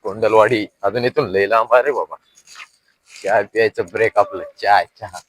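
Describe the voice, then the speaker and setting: A man's voice: fairly low pitch, steady tone, moderate pace, no room sound. A man vlogging a family trip, talking casually and addressing his viewers directly. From Telangana-Maharashtra border region, India. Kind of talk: casual vlog narration.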